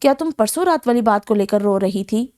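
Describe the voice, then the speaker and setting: A woman voicing a protective young husband from a novel, quick to anger and gentle with his wife. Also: high voice, expressive. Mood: tender. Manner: fierce then tender.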